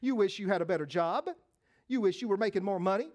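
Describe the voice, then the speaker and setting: A high-voiced male pastor delivering an impassioned sermon in church. He shifts between hushed, pleading appeals and loud, rousing shouts, often drawing out his words. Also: fast.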